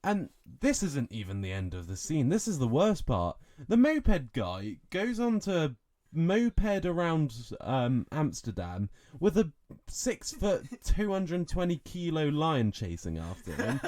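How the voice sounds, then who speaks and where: A man co-hosting a podcast, retelling movie scenes in an animated, incredulous way. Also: on the high side, slow pace, few pauses. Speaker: podcast co-host. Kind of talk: casual film review chat.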